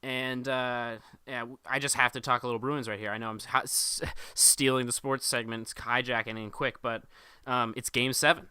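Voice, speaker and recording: A man co-hosts a casual podcast in a bright, crisp voice. He jokes loosely as he chats. His close mic sounds dry. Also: mid-range voice, level tone, normal speed, no echo. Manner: loose, jokey delivery with laughs and playful bits. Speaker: podcast co-host. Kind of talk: casual podcast chat with sports updates.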